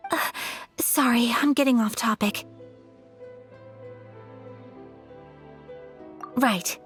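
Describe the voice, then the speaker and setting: A woman playing a refined, gentle and earnest young noble lady in a video game, speaking politely with formal, measured diction. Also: a little high, breathy edge. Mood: apologetic. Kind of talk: video game character dialogue.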